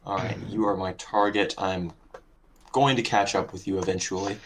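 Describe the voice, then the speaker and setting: A man's voice: sits low, steady tone, moderate pace, a little hiss or hum. A man in casual chat over an online game, dry and matter-of-fact with a teasing streak. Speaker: gamer playing online with a friend.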